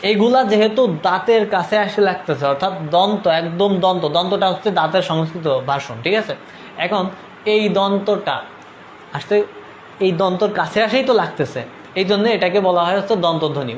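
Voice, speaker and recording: A young Bangladeshi man teaching a live online lesson, his voice sitting high for a man. He talks casually and keeps asking viewers to comment and whether they follow. Faint background noise sits under the voice. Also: brisk. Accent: Bangladeshi Bengali. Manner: checks understanding with "ঠিক আছে?". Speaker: online tutor.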